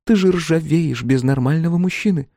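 A man's voice: a little high, moderate pace, dark tone, dry recording, voice pushed up. A man voicing a carefree, playful young woman who talks in a wheedling, theatrical way. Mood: teasing.

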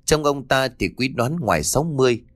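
A man narrating a horror audiobook in an expressive, dramatic storytelling manner. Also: mid-range voice, fairly quick, no echo. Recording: dry close studio read, faint music.

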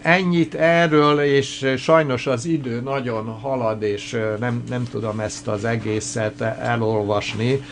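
A male radio host presenting history notes, pausing often with filler sounds and restarting phrases. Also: medium pitch, fairly even intonation, slight background noise.

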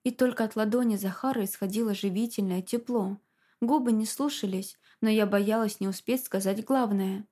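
A woman narrating a novel in a measured, quiet, dramatic reading. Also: medium pitch. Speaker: audiobook narrator. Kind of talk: scripted narration.

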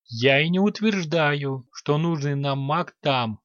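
A man voicing a quick, indignant scholarly count in an audiobook. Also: on the high side, lively intonation, fairly bright tone, no echo, highs cut off. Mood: explaining.

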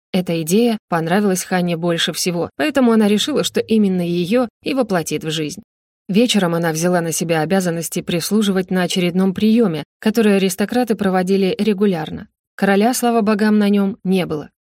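A woman's voice: medium pitch, darkish tone, no room sound. Woman reading a story, dry close sound. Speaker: audiobook narrator. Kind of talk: scripted narration.

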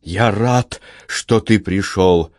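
A man's voice: fairly low pitch, slow, no echo, studio quality. A man voicing an anguished male martyr who speaks fervently and emotionally in an audiobook.

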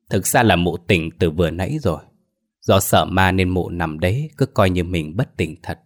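In a deep, low voice, a man tells a folk horror tale. His delivery stays plain and earthy, holding steady from scene to scene.

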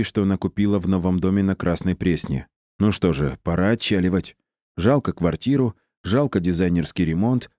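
Deep dark-voiced male audiobook narrator. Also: no room sound, studio quality. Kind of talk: scripted narration.

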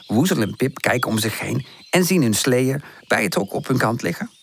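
Guy reading a kids storybook, voice swoops up and down, very animated. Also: normal speed, gravelly, husky. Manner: lively, expressive, shifts pitch for each animal character. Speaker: audiobook narrator.

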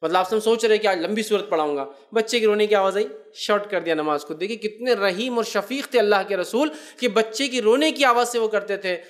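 High-voiced man preaching a lively sermon. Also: hardly any pauses. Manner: animated storytelling, acts out scolding voices. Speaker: Islamic preacher. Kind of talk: religious sermon.

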